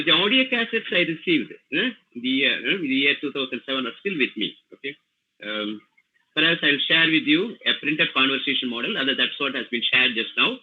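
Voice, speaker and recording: Male language trainer, Tamil Nadu Indian English, fairly high pitch, hesitant lecturing webinar voice, phone-quality audio. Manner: halting, many fillers and "you know, no?" tags. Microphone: video call. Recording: tinny phone-like call audio.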